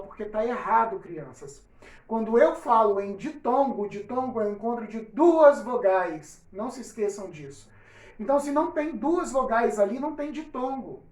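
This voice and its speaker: A woman teaching a recorded lesson to children, patiently repeating example words slowly. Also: mid-range voice, darkish tone. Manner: addresses children directly. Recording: echoey room, voice from a distance.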